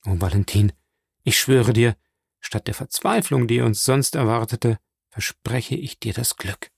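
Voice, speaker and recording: An ardent young lover speaks with earnest passion, played by a male narrator close to his own voice. The tone is mid-pitched with a gravelly texture. It is recorded dry and close. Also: a little slow, darkish tone, no echo. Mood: earnest, hopeful. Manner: earnest and impassioned.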